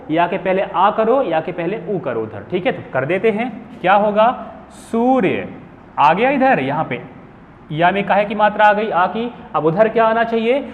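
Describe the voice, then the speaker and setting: A young man teaching Hindi grammar in a classroom lesson, asking questions and answering them himself. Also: high voice. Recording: phone-like hall echo with faint hiss.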